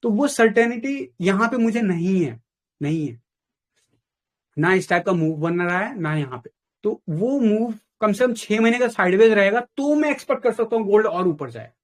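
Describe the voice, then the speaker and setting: A man's voice: sits high, animated, normal speed. A man talking as a trading mentor with a caller, casual and blunt, dropping in phrases. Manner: blunt, advising, mixes in English phrases. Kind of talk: casual live chat with a caller.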